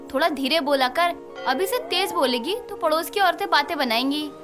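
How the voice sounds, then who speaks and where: A woman's voice: high voice, animated, normal speed, over music. A fretful, scolding mother-in-law. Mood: worried. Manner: worried, scolding gently.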